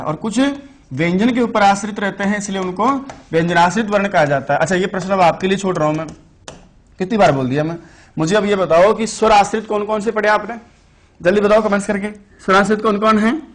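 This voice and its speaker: In an online Sanskrit exam-prep class, a high-pitched man mixes chatty storytelling with questions for the students. His explanations come slowly and with deliberate care.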